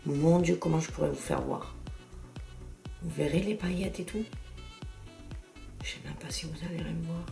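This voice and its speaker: A woman with a lowish, gravelly voice talks through her beauty haul in an animated, exclamatory way. The room is echoey, with soft music playing underneath. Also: moderate pace, pauses often. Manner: chatty and exclamatory, with many "voilà" and "hein" fillers. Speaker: beauty vlogger. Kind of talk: casual makeup haul chat.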